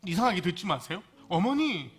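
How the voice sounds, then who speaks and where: A male pastor in his thirties preaching a sermon to young adults, moving between loud, pleading climaxes and quiet, personal storytelling. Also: sits high, sing-song, fairly quick, husky, faint music behind.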